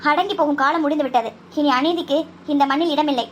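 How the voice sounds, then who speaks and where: A fierce young woman doctor in a cartoon, voiced by a woman, with a high, bright voice. She scolds and declaims with fiery intensity. Her lines carry strong moral anger. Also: fast, dull audio, slight background noise, natural voice. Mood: grand declaiming. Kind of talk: cartoon voice acting.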